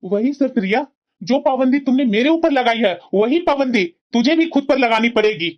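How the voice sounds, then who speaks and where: Voicing an earnest young husband and dutiful son in a cartoon, a woman speaks in a high, expressive voice at normal speed. Her delivery is stern, firm and lecturing. The recording sounds dull and lo-fi.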